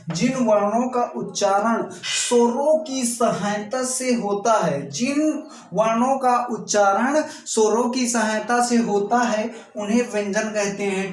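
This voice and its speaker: High-voiced man teaching in an echoey room. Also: a little hiss or hum. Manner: keeps repeating "ठीक है दोस्तों", drawing out sounds to demonstrate. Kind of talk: exam coaching lesson.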